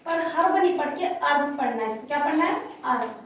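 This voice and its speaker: Female teacher, high voice, patient quizzing delivery, distant echoey classroom sound. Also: lively intonation, fast talker, a little hiss or hum. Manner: patient, repeats and quizzes pupils. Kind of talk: classroom grammar lesson. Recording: echoey room from far off.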